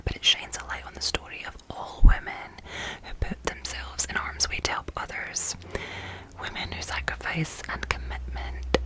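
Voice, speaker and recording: A woman speaking in a soft, unvoiced whisper, unhurried and informal, as an ASMR host chatting and reading about books. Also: rough recording.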